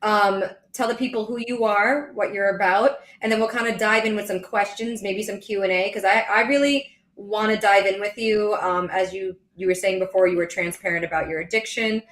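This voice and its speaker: A woman's voice: medium pitch, fairly even intonation, brisk, few pauses, fairly bright tone, reverberant. A woman co-hosting a live podcast, bubbly and chatty, laughing often. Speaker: podcast co-host. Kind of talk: casual live podcast chat.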